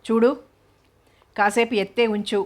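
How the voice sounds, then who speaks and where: An even-voiced woman reading the lines of a curt, irritable young doctor husband. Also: fairly high pitch, a little slow, lightly acted. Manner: curt and brusque.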